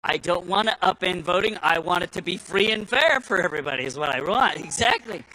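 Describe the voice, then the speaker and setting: A man's voice: high voice, animated, a little fast, pushed and bright, poor audio. A man giving a speech at an event, telling a folksy story in an emphatic, repetitive way. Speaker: speaker at an election event.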